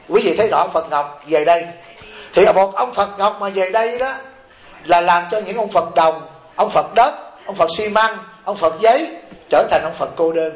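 A man, a Buddhist monk, giving a lively dharma talk and keeps asking his listeners questions. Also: high-pitched, reverberant. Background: audience laughter.

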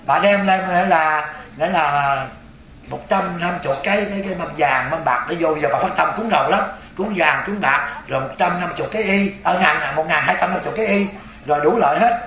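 Fast-talking man preaching. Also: a little high, roomy sound, a little hiss or hum. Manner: lively, addresses audience with questions. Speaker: Buddhist preacher. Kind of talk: storytelling sermon.

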